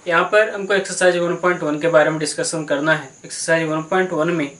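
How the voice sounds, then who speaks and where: A man's voice: on the high side, steady tone, quick pace, a bit bright. Patient male math teacher, echoey room. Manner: patient and explanatory, calls listeners "beta" and mixes in English terms. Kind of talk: classroom math lesson.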